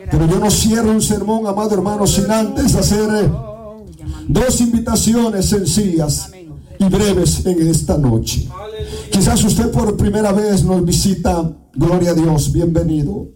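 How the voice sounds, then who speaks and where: Impassioned high-voiced Guatemalan preacher. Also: male voice, measured pace, far from the mic, poor audio. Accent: Guatemalan Spanish. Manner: impassioned, shouting and half-singing climaxes; repeats "amado hermano" as a refrain. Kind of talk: evangelical sermon.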